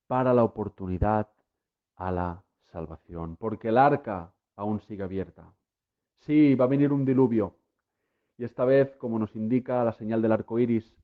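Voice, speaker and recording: A man preaching a sermon to listeners at home, emphatic, with repeated refrains that build to impassioned peaks. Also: on the low side. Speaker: lay preacher. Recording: tinny phone-like sound.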